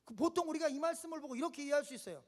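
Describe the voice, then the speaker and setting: A man's voice: very high-pitched, lively intonation, rapid-fire. A man preaching a sermon at a winter camp, leading the congregation to repeat lines and answer amen. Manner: asks questions and answers them himself in short steps. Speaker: pastor.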